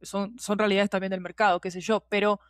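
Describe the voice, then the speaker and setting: She talks a little fast with a flat delivery in her mid-range voice, and the clean studio sound has no room noise. As a podcast guest and audio fiction producer with a Rioplatense Spanish accent, she shares opinions in casual, slangy conversation laced with frequent tags.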